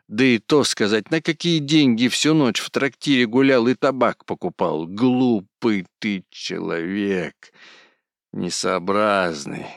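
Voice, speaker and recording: A man voicing an old, pious wandering man who speaks calmly and reproachfully. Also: lowish voice, vocal fry, dry recording, clean studio sound, heavily acted. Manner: calm, plain-spoken, reproachful.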